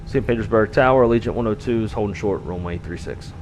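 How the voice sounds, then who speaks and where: A man's voice: fairly low pitch, fast. A man speaking as an airline pilot on a headset, giving clipped procedural callouts and radio readbacks. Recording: loud steady cockpit hum.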